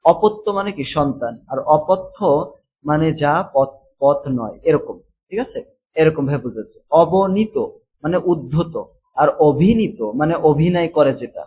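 A man, teaching a textbook lesson and repeating words slowly, with fillers and English words mixed in. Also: a little high, lively intonation, dark tone, husky, poor audio.

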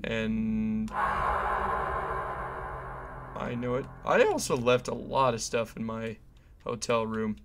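Here a gamer mutters chatty, joking remarks to himself as he plays a horror game in a casual let's-play. His voice sits on the low side and is fairly bright, with large pitch swings, a slow pace and frequent pauses. Faint music plays in the background.

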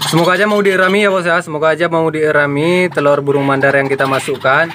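A man casually narrating for viewers as he checks a bird's nest, speaking low-key and calling the audience "bos" and "guys". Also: fairly even intonation, fast talker, background noise. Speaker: bird-keeping vlogger.

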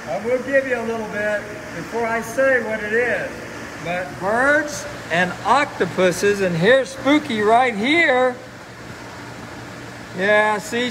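A middle-aged man giving a casual, folksy educational talk, his voice muffled as he talks through a face mask. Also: extremely high pitch. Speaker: aquarium animal keeper and guide. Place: noisy indoor aquarium work room. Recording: noisy pump-filled room with loud hum.

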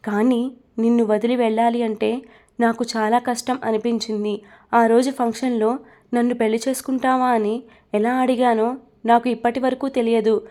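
Domineering young husband in a storybook reading, fairly high-pitched, as a woman narrator reads him. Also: mellow, natural voice. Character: domineering young man turned tender husband.

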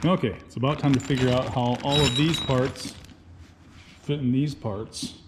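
A man's voice: medium pitch, steady tone, moderate pace, background noise. A man hosting a casual workshop video, talking in a folksy, laid-back, self-deprecating way while he works. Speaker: channel host.

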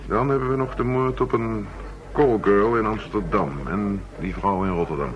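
Against a crowd murmur in a dull lo-fi radio recording, an actor voices a male police chief inspector who methodically goes over murder cases. The character is thoughtful, matter-of-fact and businesslike, delivered in naturalistic dialogue with a lowish, natural voice at a moderate pace.

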